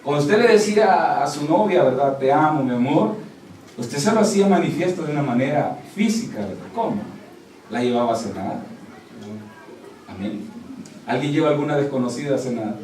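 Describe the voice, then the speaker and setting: A man's voice: on the high side, expressive, moderate pace, a little mellow, a little hiss or hum. A man preaching a sermon, asking the congregation rhetorical questions and calling them brother. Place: church hall. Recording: roomy church recording from a distance.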